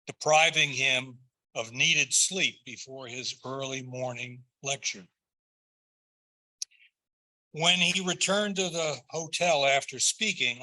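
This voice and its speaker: An older man delivers a prepared eulogy in a measured, earnest and tender way, phrase by phrase. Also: medium pitch, pushed and bright, low-quality recording.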